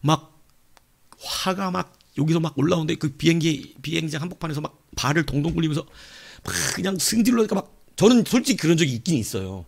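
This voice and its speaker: A male pastor preaching a sermon, telling a story with animated swings between loud outbursts and soft asides. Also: on the high side, fast, gravelly.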